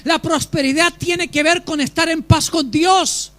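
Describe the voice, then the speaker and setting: A man's voice: very high voice, fairly even intonation, measured pace, pushed and bright. A pastor preaching a sermon with emphasis and putting questions to his congregation.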